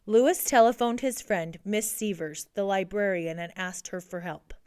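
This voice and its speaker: A woman's voice: mid-range voice, normal speed, darkish tone, smooth, no echo, studio quality. Woman reading a storybook aloud. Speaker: narrator. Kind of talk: reading a picture book aloud.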